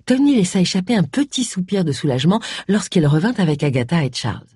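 An audiobook narrator reading a novel with an expressive, varied delivery. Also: mid-range voice, quick pace, breathy edge, no echo, clean studio sound.

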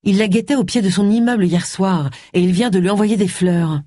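A woman voicing a brisk, matter-of-fact middle-aged woman detective in an audiobook. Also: mid-range voice, mellow, dry recording, studio quality, close to an everyday voice.

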